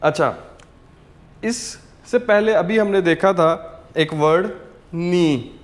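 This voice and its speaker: A man teaches beginners with patient repetition. His voice sits high for a man, and he talks slowly, saying each word several times. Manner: patient, drills words over and over. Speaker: language teacher. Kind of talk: slow repetitive language lesson.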